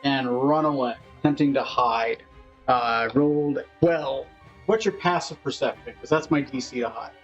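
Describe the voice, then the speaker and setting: A man's voice: mid-range voice, moderate pace. A man narrating a tabletop game as game master, describing scenes and calling for dice rolls. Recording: dull lo-fi recording. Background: faint music.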